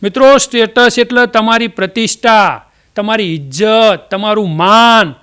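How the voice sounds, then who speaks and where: Male stand-up comic with a Mehsana Gujarati accent, high and smooth voice, folksy and chatty. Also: a little slow, bright, forceful tone. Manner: folksy, chatty storytelling with dialect fillers. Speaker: comedian. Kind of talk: stand-up jokes.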